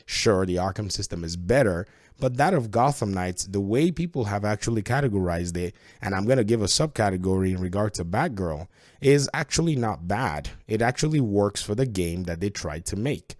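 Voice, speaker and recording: A man's voice: fairly low pitch, darkish tone, no room sound, clean studio sound. A man giving casual, opinionated game review commentary in a conversational way, his voice stuffed up by a cold.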